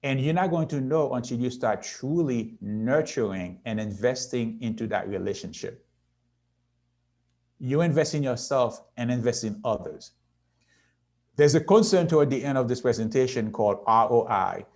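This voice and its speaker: A man's voice: medium pitch, lively intonation, moderate pace, a little mellow. A man in his sixties giving a motivational conference talk to young people, earnest and often checking in with a "right?". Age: 60s. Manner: earnest, repeats "right?" to the audience. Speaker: conference speaker. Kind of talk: motivational presentation.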